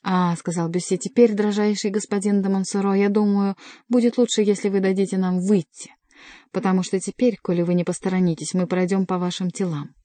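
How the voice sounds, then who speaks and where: A woman's voice: medium pitch, flat delivery, a little fast, warm tone, dry recording, natural voice. A woman reading an audiobook, voicing a bold young male nobleman swordsman who speaks in a defiant, commanding way.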